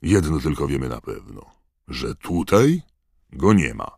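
Gravelly old auror, read by a man: blunt, commanding, dry close sound. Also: very deep voice, sing-song, unhurried, darkish tone, no echo, full character voice. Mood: gruff. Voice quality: hoarse, growling. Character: gruff scarred old male wizard, veteran auror.

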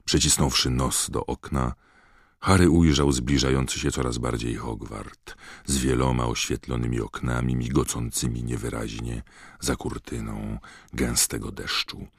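Very deep-voiced male audiobook narrator. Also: steady tone, a little slow, vocal fry, breathy edge, no room sound, clean studio sound.

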